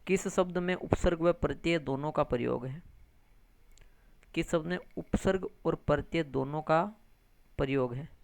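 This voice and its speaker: Gravelly man teaching grammar. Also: a little high, no echo. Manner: explains step by step, often asks and answers his own questions; addresses viewers as friends, frequent tag questions. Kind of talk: exam-prep lesson.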